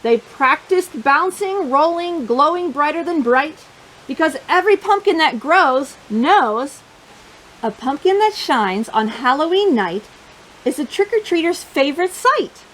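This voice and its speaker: Reading a picture book for a children's storytime, a woman speaks straight to the kids in an expressive, sing-song, playful manner. Her voice is high and unhurried, and the recording quality is low.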